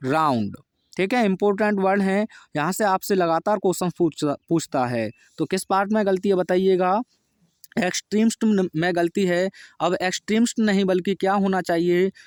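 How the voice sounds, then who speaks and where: A man's voice: high-pitched, a little mellow, dry recording, studio quality. A man teaching an English grammar lesson for exam prep, explaining step by step and asking and answering his own questions.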